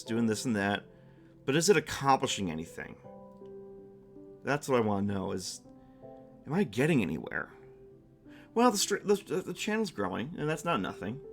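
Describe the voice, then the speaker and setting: A young streamer with a mid-range, slightly bright masculine voice chats casually and muses aloud. His talk is rambling and reflective, peppered with fillers and restarted sentences.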